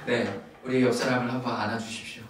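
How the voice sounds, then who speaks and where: A man's voice: medium pitch, fast talker, a little hiss or hum. A male pastor teaching at a Friday prayer meeting, telling a story with acted asides and coaching his congregation. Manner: animated teaching with acted asides and audience prompts. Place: church sanctuary. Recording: echoey church hall, mic at a distance.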